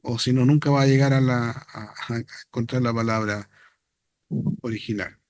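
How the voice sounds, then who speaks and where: A man's voice: mid-range voice, fairly even intonation, normal speed, dry recording, clean studio sound. A man teaching a Hebrew class, explaining step by step and checking that students follow.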